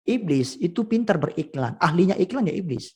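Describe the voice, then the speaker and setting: A male pastor preaching a sermon at a school, telling stories with lively swings in pitch and volume. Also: a little fast, husky. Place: school event.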